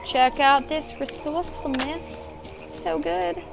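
A woman's voice: high voice, sing-song, slow, over loud music. A woman giving casual, playful commentary on her own gameplay, swearing often and slipping into a sing-song voice. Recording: loud game noise behind.

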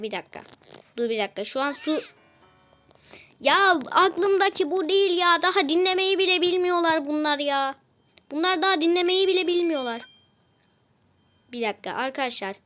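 A woman's voice: high voice, brisk, a bit bright, highs cut off, a little hiss or hum. A woman casually commenting on a mobile game as she plays, chatty and easily exasperated, often repeating herself.

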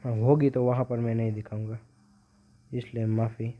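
Commentating on a game casually, this roughly 15-year-old gaming creator speaks at a moderate pace in a flat, medium-pitched voice. The recording is dull and phone-like, with a little hiss or hum.

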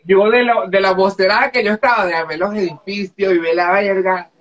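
A woman from Venezuela with a Venezuelan accent, telling her own story in casual chat, animated, laughing often and acting out the dialogue. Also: mid-range voice, a little fast, highs cut off, a crowd in the background. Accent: Venezuelan Spanish.

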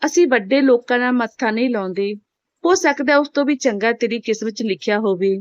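A woman's voice: a little high, lively intonation, a little fast, no room sound, lightly acted. Storybook brother, young man, earnest and protective; woman narrator plays him, dull dry sound. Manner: earnest, reassuring. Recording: dull, dry home recording.

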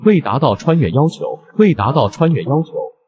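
A man's voice: fairly high pitch, very animated, normal speed, darkish tone, breathy edge, dry recording. A man voicing an impassive computer system that gives formal, impersonal alerts in a short drama. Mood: impassive warning.

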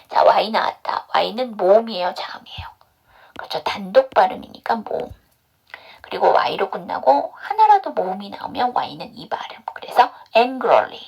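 Here a woman's mid-range voice comes across creaky and husky. She's teaching English pronunciation online in a phonics lesson, going step by step and answering the questions she puts to the class.

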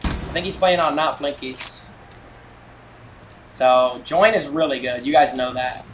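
A man's voice: medium pitch, a little slow, background noise. A young man commentating casually on a live game stream in slangy, bro-heavy frat-boy talk. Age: young adult. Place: indoor room, streaming setup. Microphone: headset mic. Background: shooter game sounds.

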